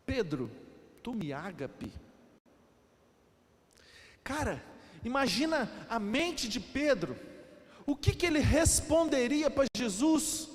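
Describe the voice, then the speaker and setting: A Brazilian pastor with a high voice preaches slowly and with emphasis, acting out the quotes he reads. His voice rings through a church hall with a long reverb. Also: fairly bright tone. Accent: Brazilian Portuguese. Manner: emphatic, explaining, acts out quotes. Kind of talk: sermon.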